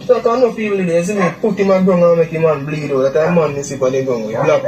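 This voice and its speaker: A young man with a Jamaican accent gives a halting eyewitness account, repeating words and slipping into patois. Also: fairly high pitch, crowd noise. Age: young adult. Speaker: eyewitness interviewee. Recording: echoey, distant, noisy outdoor interview.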